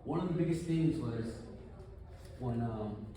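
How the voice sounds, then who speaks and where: A man from the United States giving an animated, conversational conference talk full of rhetorical questions. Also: medium pitch, measured pace, a little hiss or hum. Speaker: conference speaker. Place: conference hall. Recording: echoey room, from far off.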